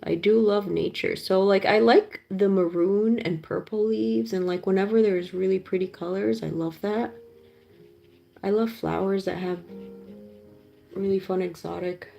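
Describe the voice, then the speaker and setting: Gravelly-voiced woman chatting while she paints. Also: medium pitch, fairly even intonation, measured pace, warm tone, faint music behind. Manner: chatty, bubbly, gushing over colors. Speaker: art streamer. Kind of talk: casual chat while painting.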